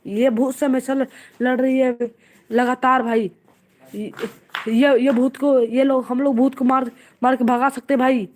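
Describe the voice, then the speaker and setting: A woman narrating casually and excitedly, repeating urgent warnings over and over. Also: sits high, a little slow, a little hiss or hum. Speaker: vlogger narrating. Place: outdoor home courtyard at night.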